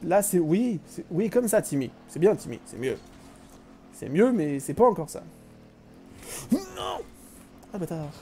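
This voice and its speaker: A young man talks through a live game in a mellow, slightly high voice, joking and teasing himself and his chat. Faint music plays underneath. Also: big pitch swings, a little slow, pauses often. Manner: joking, self-mocking, chatty with viewers. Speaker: gaming streamer. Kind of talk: live gameplay commentary.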